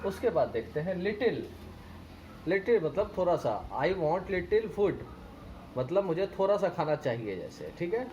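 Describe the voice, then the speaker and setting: Here a high-pitched man with an Indian accent gives a primary school English lesson in a sing-song way, slowly reading a children's story, repeating words and spelling them letter by letter. His tone is darkish. The highs are cut off and there's a little hiss or hum.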